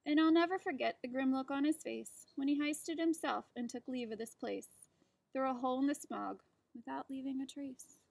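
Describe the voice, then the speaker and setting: A teacher, a woman, reading a rhyming storybook aloud to children with an expressive, rhythmic delivery. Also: high voice, moderate pace, vocal fry, dry recording.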